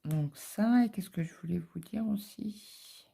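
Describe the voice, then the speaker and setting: A woman's voice: medium pitch, takes it slowly, gravelly, dark tone. A middle-aged woman, chatting casually and rambling through a story while she stitches in her home office. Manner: rambling anecdotal storytelling with many fillers. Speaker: cross-stitch vlogger.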